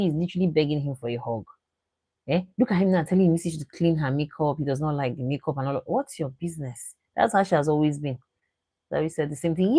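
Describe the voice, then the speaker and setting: Nigerian woman with a low voice, chatty and opinionated, dry close recording. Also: darkish tone, no echo. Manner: chatty, opinionated, slips into pidgin. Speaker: reality show commentator. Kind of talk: casual commentary.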